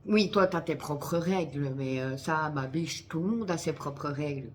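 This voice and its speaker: A woman's voice: deep voice, measured pace, a little hiss or hum. A woman vlogging in casual chat to camera, chatty and swearing freely, talking through a headset.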